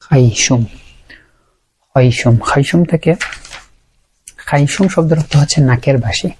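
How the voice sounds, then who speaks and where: With a warm, medium-pitched voice and a Bangladeshi Bengali accent, a man gives an explanatory lesson on Quran pronunciation. He patiently repeats each sound to demonstrate it.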